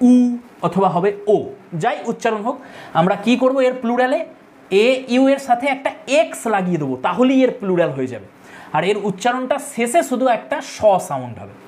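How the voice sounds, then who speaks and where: A woman's voice: on the high side, a little mellow. Patient woman teaching grammar. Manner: patient, spells words letter by letter, asks rhetorical questions. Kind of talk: classroom lesson.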